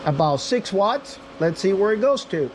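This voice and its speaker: Talking at a moderate pace with a high, very animated voice, this radio reviewer runs through an informal, unscripted product demo. There's noise in the background, and he addresses his audience directly as "guys."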